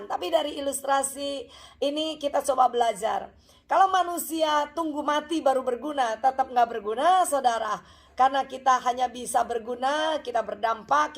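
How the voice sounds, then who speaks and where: A woman's voice: sits high, gravelly. A woman pastor giving a chatty, story-filled sermon at a church service, with frequent asides to the congregation.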